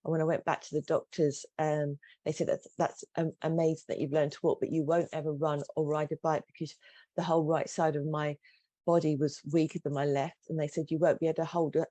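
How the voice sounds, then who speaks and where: A middle-aged woman recounts her life story as a guest coach on an interview show. Her voice is mellow and unhurried in its earnestness, with frequent restarts. The recording is dry, with little room sound. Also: sits low, no echo.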